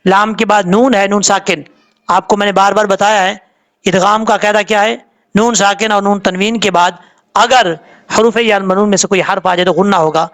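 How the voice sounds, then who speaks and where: A man teaching a tajweed lesson in Urdu with a Pakistani accent, spelling words out sound by sound and chanting the verses in long drawn-out notes. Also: sits high, steady tone, a bit bright. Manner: slow letter-by-letter drilling, drawn-out chanted recitation.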